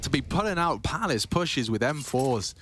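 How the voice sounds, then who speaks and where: A man's voice: medium pitch, expressive, moderate pace, a bit bright, slight background noise. A man working as an esports caster, calling play-by-play in a dramatic, wordy style with colourful turns of phrase. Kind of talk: esports match commentary.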